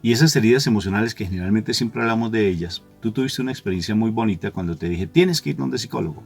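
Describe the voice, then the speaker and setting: A man's voice: fairly low pitch, fast talker, creaky, faint music behind. Man telling a story animatedly. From Colombia. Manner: animated storyteller, acts out quoted voices. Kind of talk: storytelling religious talk.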